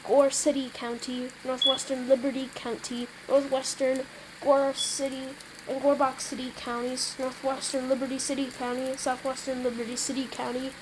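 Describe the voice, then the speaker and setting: A woman with a high voice and flat delivery speaks at a moderate pace over background noise. She's a gamer playing out an emergency alert scenario, shifting between casual remarks and improvised mock weather bulletins, stumbling over the wording she reads out and often clearing her throat.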